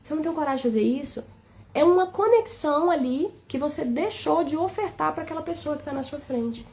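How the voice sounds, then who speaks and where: A woman's voice: high-pitched, lively intonation, brisk, darkish tone. A woman with a Brazilian Portuguese accent giving a tender, flowing spiritual talk on a live stream, often asking "né?".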